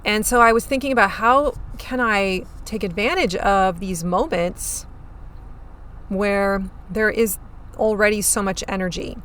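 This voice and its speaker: This solo farm-marketing podcast is hosted by a woman whose slightly raspy, scratchy voice sits at medium pitch and carries a fairly bright tone. She keeps a measured pace, chatting brightly and upbeat as she chews gum.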